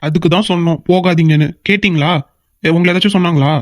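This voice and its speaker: A performer voicing a young man, a bossy but reassuring elder brother in a cartoon, speaking quickly and confidently. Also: medium pitch, fairly even intonation, dry recording, studio quality, natural voice. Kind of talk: cartoon voice acting.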